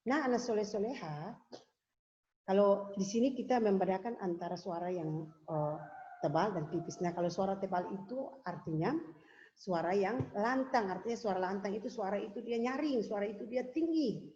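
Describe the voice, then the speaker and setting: A woman teaching young pupils in a recorded lesson, explaining patiently, repeating herself and pausing with fillers. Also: mid-range voice, mellow, slight background noise. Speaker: religious school teacher. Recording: dull lo-fi home video audio.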